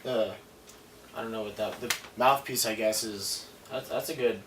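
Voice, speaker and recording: A man chatting casually as a co-reviewer, halting and often repeating his words. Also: fairly low pitch, fairly bright tone. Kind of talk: casual chat, informal product review. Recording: roomy, distant mic, clearly noisy.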